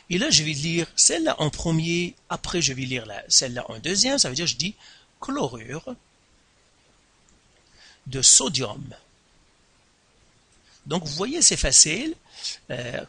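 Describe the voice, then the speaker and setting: A man teaching a class in a lively, bright voice that is a touch husky. He talks slowly and deliberately, stressing every term and repeating key words, with big leaps in pitch. The sound is dry and close. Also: no room sound. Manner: slow, deliberate, repeats terms and stresses syllables, pitch jumps. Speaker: science teacher. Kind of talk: classroom lesson explaining at a board.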